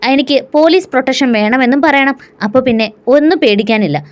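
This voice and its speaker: A woman's voice: high voice, lively intonation, fairly quick. Woman voicing a stern old schoolmaster. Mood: lecturing. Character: stern older male teacher, cautious father.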